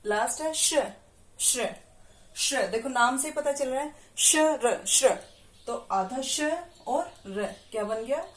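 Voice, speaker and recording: Speaking slowly in a high, fairly bright voice, this woman leads a primary school class in a reverberant room. She draws out her syllables patiently and keeps asking the children questions.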